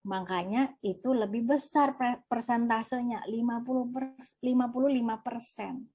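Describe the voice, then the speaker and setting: A woman teaching a workshop, lively, asking and answering her own questions. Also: on the high side, normal speed, husky. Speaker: trainer. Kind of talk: online workshop lesson.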